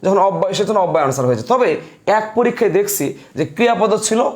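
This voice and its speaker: A man with a high, light voice and a Bangladeshi Bengali accent teaches a grammar lesson. He dictates notes to his students, quizzes them and repeats each key point so they remember it. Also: animated, fast talker, a little mellow.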